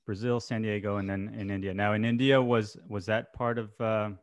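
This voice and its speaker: Man, podcast host, deeper voice, friendly questions, dry close sound. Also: little pitch movement, no echo. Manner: friendly, unhurried questions with fillers. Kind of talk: podcast interview.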